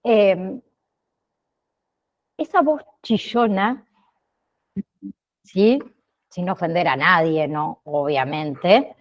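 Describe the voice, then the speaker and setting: Woman teacher, slow and steady, keeps asking "¿sí?", bit muffled sound. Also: fairly low pitch. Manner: slow, checks in with frequent "¿sí?" and "¿bien?". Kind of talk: online class lecture.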